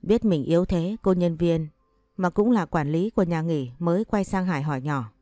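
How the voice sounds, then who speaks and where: A woman narrating a dramatic story in a steady, vivid reading. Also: lowish voice, moderate pace, dry recording, clean studio sound, faint music behind.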